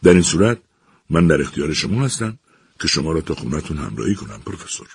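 A man voicing a calm, polite army captain in a storybook reading, speaking formally and evenly. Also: sits low, husky, dry recording, exaggerated voice.

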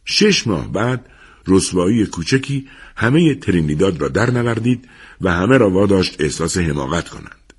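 A man reading a story aloud as narrator, in lively storytelling. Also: sits low, slightly rough. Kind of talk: scripted audiobook narration.

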